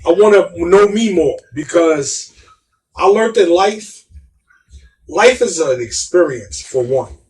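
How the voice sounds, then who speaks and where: A man's voice: high voice, animated, takes it slowly, darkish tone, recorded from a distance. A middle-aged man with a New York accent, telling stories in casual, emphatic street talk and repeating himself. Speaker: guest.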